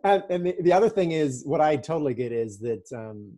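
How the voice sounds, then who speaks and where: A man's voice: a little high, animated, brisk, mellow. Chatty joking male host. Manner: chatty and joking, with many fillers. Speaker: podcast host. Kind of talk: casual interview chat.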